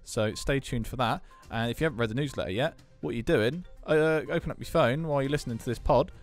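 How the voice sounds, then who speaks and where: A man's voice: mid-range voice, fast talker, soft background music. A man chatting casually as co-host of a podcast, with jokey asides. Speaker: podcast co-host, school tech staff.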